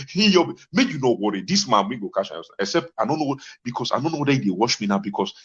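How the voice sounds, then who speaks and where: Speaking Pidgin with a Nigerian accent, a male talk show host delivers a fiery, informal rant, full of exclamations and phrases he keeps hammering home. His medium-pitched voice is very animated and quick. Audio quality is dull and lo-fi.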